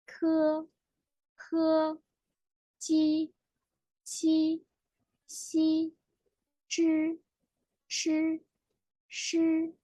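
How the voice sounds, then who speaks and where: A woman teaching pronunciation in French, patient and hesitant, with many filler pauses. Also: high-pitched, no echo, dull audio. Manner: models syllables slowly for repetition. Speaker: Mandarin teacher. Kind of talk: language lesson.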